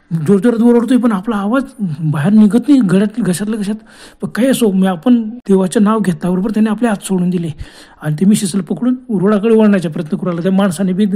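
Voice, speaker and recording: A man's voice: high voice, dark tone. A man telling his own ghost encounter in the first person, earnest and vivid, repeating words for effect. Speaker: storyteller.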